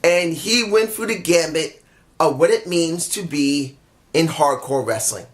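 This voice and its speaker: In an unhurried, loose review of a wrestling show, a man whose somewhat high voice is going hoarse from talking airs his blunt opinions. His sentences wander and restart, and there's a note of frustration in his honesty.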